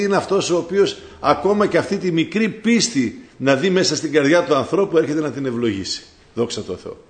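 Calling his listeners brothers, a man with a fairly high voice preaches a fervent sermon, rising to loud cries whenever he quotes.

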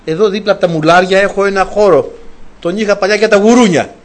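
A man preaching a sermon, retelling a story animatedly and asking his listeners rhetorical questions. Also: sits high.

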